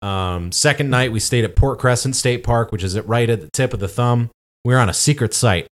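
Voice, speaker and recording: A man's voice: medium pitch, a little fast. A man, co-hosting a podcast and telling a travel story in casual chat, with lots of fillers. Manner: rambling storytelling with many fillers. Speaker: podcast co-host.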